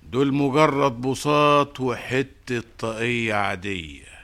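A man's voice: mid-range voice, unhurried, a bit bright. An Egyptian-accented man playing an enigmatic, knowing stranger in a fantasy drama, explaining things in a dry, patient, cryptic way. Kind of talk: theatrical fantasy radio drama.

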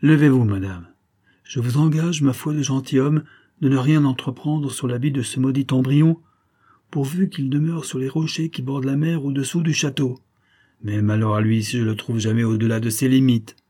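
A man reading an audiobook, voicing a brutal, raging middle-aged nobleman count who blusters loudly. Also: medium pitch, steady tone, normal speed, pitched above the performer's own voice, lightly acted. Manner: loud and blustering.

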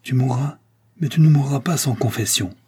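A man's voice: medium pitch, normal speed, dark tone, husky, voice pushed up. A man voicing a stubborn, grim Breton servant with a grave, menacing manner.

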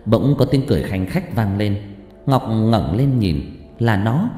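A man narrating a horror story expressively, dropping low for tense moments. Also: measured pace. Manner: expressive, sinking low for dread. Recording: heavy hall reverb with music.

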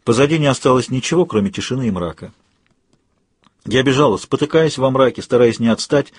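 Husky male audiobook narrator. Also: medium pitch, a little fast, no room sound, clean studio sound.

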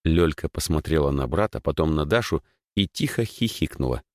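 A man narrating a children's storybook in an expressive, lilting manner. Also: a bass voice, normal speed, no room sound, studio quality.

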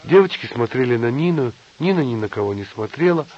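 Male narrator, literary audiobook: measured, husky, recording slightly muffled. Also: medium pitch, expressive.

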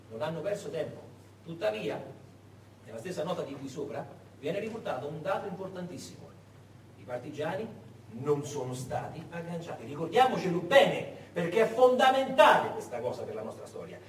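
A stage actor and narrator with a high-pitched voice delivers a theatrical monologue of historical storytelling. He sounds distant on an echoey stage, with faint noise in the recording.

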